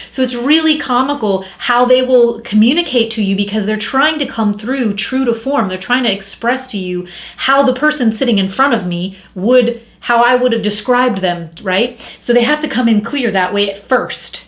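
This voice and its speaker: Casual spiritual coach, woman, chatty, mid pitch, roomy echo. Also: normal speed. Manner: chatty, acts out inner voices. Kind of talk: casual teaching talk.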